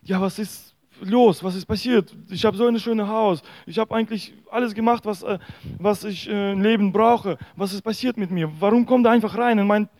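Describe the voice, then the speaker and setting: A preacher voicing a distressed, pleading homeowner. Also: male voice, high voice, steady tone, moderate pace, darkish tone, no echo, natural voice. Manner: pleading, urgent.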